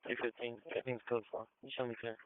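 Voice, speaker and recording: A man's voice: mid-range voice, little pitch movement, clean tone, no echo. Man on a tinny police radio. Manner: clipped, quick radio codes. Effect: police radio transmission. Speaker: police officer. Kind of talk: radio call.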